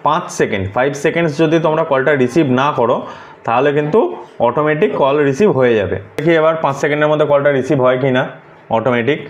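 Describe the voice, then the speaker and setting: A vlogger unboxing a product gives a casual, hands-on tutorial, explaining as he goes and slipping English words into his sentences. His voice is a little high, and the recording has its highs cut off.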